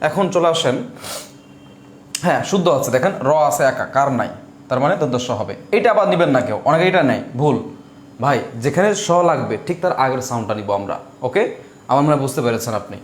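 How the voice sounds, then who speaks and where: A man's voice: mid-range voice, expressive, quick pace, a little hiss or hum. Patient man teaching in an echoey room. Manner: repeats questions and answers them himself, patient drilling. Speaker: online Bengali spelling teacher. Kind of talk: live class lecture.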